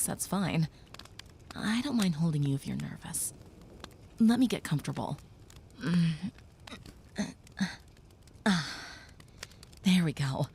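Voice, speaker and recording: A woman with a deep voice performs an audio roleplay as a gentle young vampire who protects and reassures, speaking softly with the odd whisper. There's a little hiss or hum in the audio.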